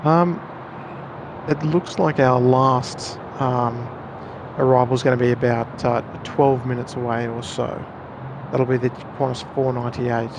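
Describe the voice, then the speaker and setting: A man's voice: mid-range voice, steady tone, a little slow. A man co-hosting a casual live stream. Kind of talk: casual live plane-spotting chat. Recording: outdoor traffic and urban noise. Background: city and vehicle noise.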